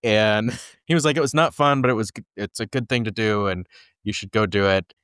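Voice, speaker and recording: A man in his forties co-hosting a podcast in casual chat, with dry, teasing humor and a relaxed way of telling stories. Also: lowish voice, fairly quick, clear, resonant tone, dry recording. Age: 40s. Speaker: podcast co-host.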